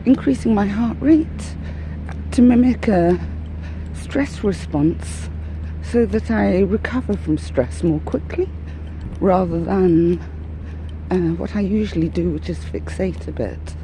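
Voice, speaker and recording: A woman's voice: mid-range voice, slow, background noise. A woman vlogging while out walking, out of breath, talking in a rambling, candid and wry way. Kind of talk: casual walking monologue. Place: outdoors, walking dogs. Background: faint outdoor ambience.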